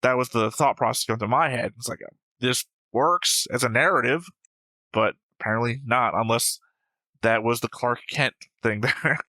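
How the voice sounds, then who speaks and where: A man hosting a reaction show discusses an animated series casually and argumentatively, swearing often. His mid-range voice is pushed and bright at a moderate pace, and the recording is dry.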